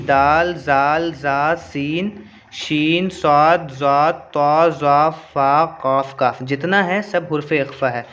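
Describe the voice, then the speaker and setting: A man teaching Quran reading in an online tutorial. He spells syllables out slowly and draws them out, then explains briskly. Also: fairly high pitch, highs cut off.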